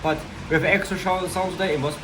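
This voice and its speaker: A young coworker at a tree stand talking bluntly in broken English and swearing a lot. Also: male voice, high-pitched, steady tone, fairly quick, noisy background. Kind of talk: casual chat. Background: music.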